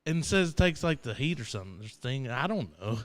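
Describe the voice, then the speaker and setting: A man's voice: medium pitch, sing-song, brisk, a bit bright. A man co-hosting a live radio podcast, joking, swearing freely and laughing often. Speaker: podcast co-host. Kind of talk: casual live radio banter.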